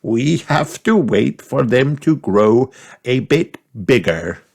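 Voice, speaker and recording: A man's voice: medium pitch, expressive, slow, gravelly, a little mellow, voice pushed up, heavily acted. A man voicing a kindly old grandpa pig who explains things patiently in a children's storybook. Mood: patient, proud.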